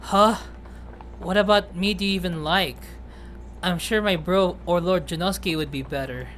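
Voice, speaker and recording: A woman voicing a timid, petite young male yokai in a game read-through, speaking shyly and hesitantly with halting pauses. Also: on the low side, a bit bright, a little hiss or hum, close to an everyday voice. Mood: flustered.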